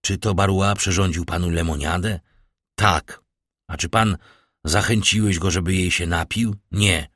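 A man voicing an urgent middle-aged male doctor who questions patients in a brisk way. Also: low voice, fairly even intonation, a bit bright, no echo, studio quality. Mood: probing.

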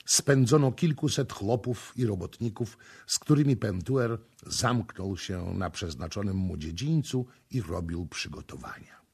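A man reading a historical novel aloud as an audiobook narrator, with dramatic, measured storytelling. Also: lowish voice, expressive, vocal fry, a little mellow, husky. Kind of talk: scripted narration.

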